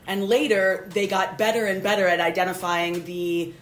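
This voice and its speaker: A woman's voice: mid-range voice, steady tone, normal speed. A woman biologist as a podcast guest, explaining at length with dry sarcasm and fillers. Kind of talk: casual explanatory interview. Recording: roomy echo, faint noise.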